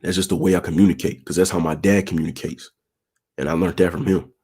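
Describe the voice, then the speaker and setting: Answering viewer questions about dating, a young channel host talks fast in a low, raspy monotone. He's relaxed and casual, gestures with his hands as he speaks, and scatters "you feel me" throughout.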